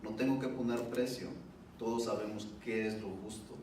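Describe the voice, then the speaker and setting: The speaker is a man with a fairly low, slightly mellow voice who talks steadily at a moderate pace, giving a Spanish personal testimony at a public event. Recorded from far off in a very echoey indoor event room, the audio carries faint noise.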